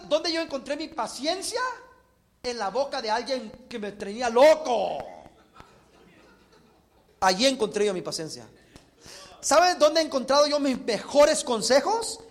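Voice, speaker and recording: A man's voice: very high-pitched, big pitch swings, measured pace. A male pastor preaching a sermon with English words mixed into his talk, acting out little dialogues as he goes.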